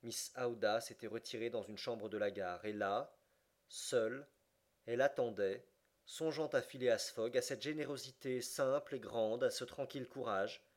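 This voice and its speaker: A man's voice: medium pitch, moderate pace. Man narrating a classic adventure novel. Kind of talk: audiobook reading of a classic novel.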